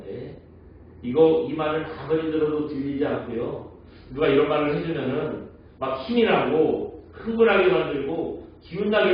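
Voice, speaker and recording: A man preaching a Sunday sermon as pastor. He tells stories, asks the congregation questions and acts out quoted lines in a softer, slower voice. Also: a little high. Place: church sanctuary. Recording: echoey church hall, mic at a distance, dull sound.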